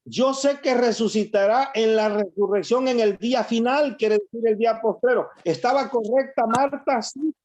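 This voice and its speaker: Guy preaching, pretty high pitched, reading bible verses and explaining as he goes, muffled lo-fi recording. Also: moderate pace, a little mellow. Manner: reads verses aloud and comments on them to the congregation. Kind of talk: sermon reading and explaining scripture. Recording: dull lo-fi recording.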